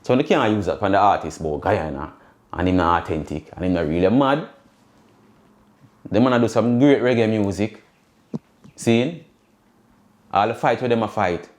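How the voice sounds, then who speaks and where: A man with a Jamaican accent hosting a casual commentary monologue, speaking emphatically in patois and often checking in with a quick "see?". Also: lowish voice, lively intonation. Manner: keeps tagging points with a questioning "see?"; emphatic, loose storytelling in patois. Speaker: host.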